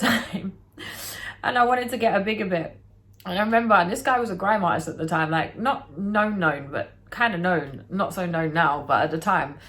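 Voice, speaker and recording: A woman's voice: low-pitched, a bit bright, a little hiss or hum. A young woman telling a casual storytime, chatty and sweary, full of filler words. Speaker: vlogger.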